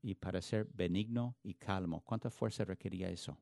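Low gravelly man preaching a sermon. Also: a little mellow, no echo, studio quality. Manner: earnest, emphatic preaching with rising force on key words; halting, restarts words mid-phrase. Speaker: pastor.

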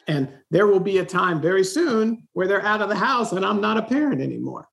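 A man in his forties, a podcast guest who talks about parenting in an emphatic, animated storytelling way. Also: high-pitched, brisk, creaky. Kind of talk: podcast interview.

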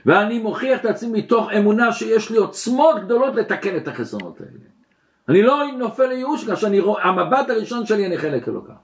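A middle-aged man, a rabbi, giving a religious lesson that mixes teaching with storytelling, acting out the people in his stories. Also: high-pitched. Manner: expressive storyteller who acts out the characters.

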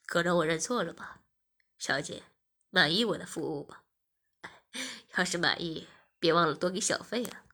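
A woman voicing a smug, leering male masseur in a low, half-whispered tone. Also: normal speed, pauses often, bright, forceful tone.

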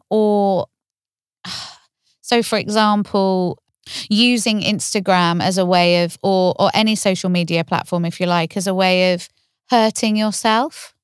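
A woman therapist talks through feelings on a podcast in a calm, reflective way. Her voice is exceptionally smooth and clear, recorded close and dry with no room sound. She often works through ideas by asking gentle questions. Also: mid-range voice, no echo. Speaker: therapist, co-host. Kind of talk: podcast conversation.

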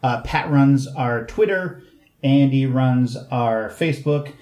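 A man's voice: mid-range voice, slow pace, darkish tone. Rambling, joking man co-hosting a podcast. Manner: rambling, joking, self-correcting. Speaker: podcast co-host and editor. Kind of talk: casual podcast chat.

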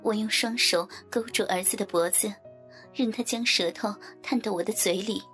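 A woman narrating an erotic audiobook in the first person, reading in a soft, even, intimate way. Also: mid-range voice, moderate pace, faint music behind.

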